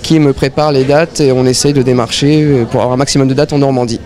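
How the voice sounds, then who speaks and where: This singer, in his thirties, sounds mid-range, steady, quick and a little mellow while answering a casual interview at a concert venue. He's hesitant, breaking into shy little laughs.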